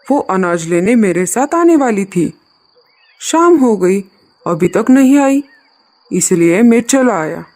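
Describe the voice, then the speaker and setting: A man's voice: high voice, animated, slow, darkish tone, full character voice. A man voicing a kind male crow in a cartoon, speaking with urgency and care. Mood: concerned. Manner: urgent, caring. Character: kind male crow, helpful uncle to the chick.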